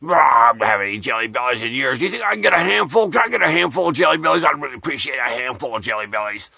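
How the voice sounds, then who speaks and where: A man's voice: mid-range voice, rapid-fire, gravelly, crowd noise, natural voice. A man putting on a wheedling drifter mooch. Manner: pleading, wheedling, repetitive begging. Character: mooching older male desert drifter, wheedling.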